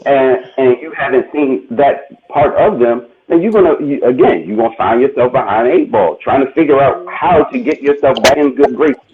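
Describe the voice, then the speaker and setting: A man talks through his view on a panel show, often restarting to rephrase. His voice arrives thin and tinny, like a phone call, and his pitch sits in the middle range. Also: normal speed, hardly any pauses. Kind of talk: casual talk show discussion.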